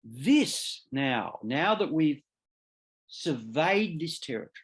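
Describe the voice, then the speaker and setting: A middle-aged man, a law professor, giving an academic seminar lecture in a deliberate, emphatic way that often restates and corrects itself mid-phrase. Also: on the high side, sing-song.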